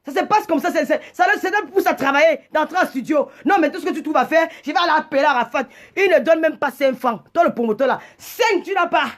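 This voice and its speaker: Agitated female livestream host, very high pitch, indignant scolding delivery with stammered repeats. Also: lively intonation, fast, hardly any pauses. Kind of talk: heated live rant.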